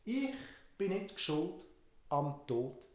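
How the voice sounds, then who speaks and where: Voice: mid-range voice, big pitch swings, drawn-out words, a little mellow. A storyteller voicing a cautious, placating governor who reasons aloud, in a roomy recording. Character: cautious Roman governor, a man. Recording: roomy echo.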